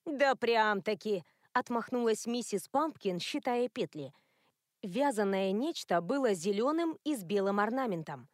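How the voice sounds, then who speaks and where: A woman narrating an audiobook in an even, measured reading. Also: medium pitch, no room sound, studio quality.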